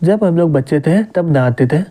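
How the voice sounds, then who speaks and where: A man reading the lines of a flustered young male hero in a manga recap, in a fairly high, very mellow voice. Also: animated, normal speed.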